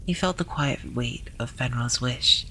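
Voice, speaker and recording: A storyteller narrating a scripted tale in a gentle, hushed ASMR library whisper, often slipping into breathy whispering. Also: medium pitch, measured pace, a little hiss or hum.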